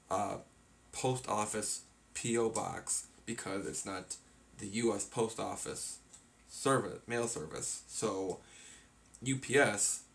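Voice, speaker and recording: A man's voice: on the low side, gravelly, fairly bright tone. A man casually chatting on a live stream, sleepy and yawning, rambling through his plans with lots of fillers. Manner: rambling, filler-heavy, tired.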